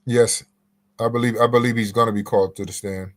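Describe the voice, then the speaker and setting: A man's voice: medium pitch, fairly even intonation, brisk. A man answering interview questions on a podcast, explaining step by step and repeating phrases for emphasis. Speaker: guest legal commentator.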